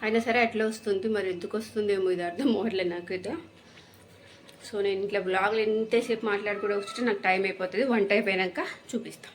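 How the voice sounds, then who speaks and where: A woman's voice: mid-range voice, steady tone, a little hiss or hum. A woman, a mother chatting to a phone camera in her home kitchen. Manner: brisk, chatty, talks to the camera while cooking. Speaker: vlogger and mother. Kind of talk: casual daily vlog chat.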